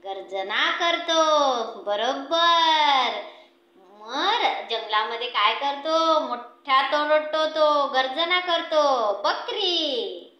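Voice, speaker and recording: Slow, sing-song woman teaching toddlers. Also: sits high, lively intonation, pushed and bright, highs cut off. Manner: slow, sing-song, coaxing, asks questions and praises. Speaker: preschool teacher. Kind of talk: teaching small children animal sounds. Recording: echoey room.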